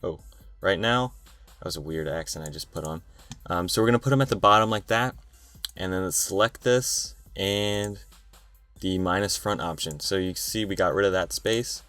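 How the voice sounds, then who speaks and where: A young man with a very low, deep voice talks through a software design tutorial in a tired, loose, rambling way. Faint music plays quietly under him, with the clack of keyboard typing. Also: moderate pace. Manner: tired, relaxed, rambling with fillers. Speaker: tutorial host. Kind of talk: screen-recorded software tutorial.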